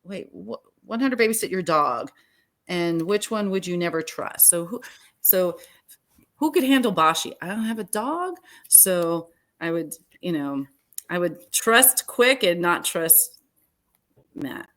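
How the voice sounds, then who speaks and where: Female sports-show co-host, lowish voice, highly expressive, casual rapid-fire Q&A banter, thoughts that trail off.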